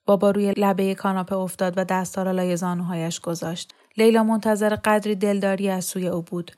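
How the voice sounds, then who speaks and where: Woman narrating calmly, flat even tone. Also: medium pitch. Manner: calm, even storytelling. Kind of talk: audiobook narration of a novel.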